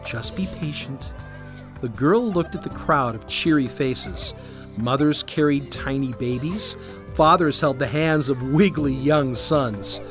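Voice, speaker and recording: A man narrating a children's story and then speaking directly to young listeners, with an animated storybook delivery. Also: medium pitch, measured pace, over music. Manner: animated, warm storybook reading. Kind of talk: scripted narration for kids.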